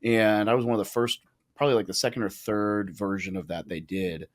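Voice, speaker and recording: A man in his thirties speaks with a somewhat low voice in relaxed podcast conversation. He is casual and a little profane, tossing in asides and restarting his thoughts as he goes. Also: fairly quick. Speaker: podcast guest, real estate investor.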